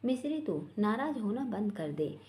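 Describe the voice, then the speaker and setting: A woman's voice: mid-range voice, very animated, unhurried, warm tone. A woman voicing a bold, playful young woman who sulks and boasts, in a storybook reading. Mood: sassy. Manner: sassy, sulky, playful. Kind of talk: storybook voice acting.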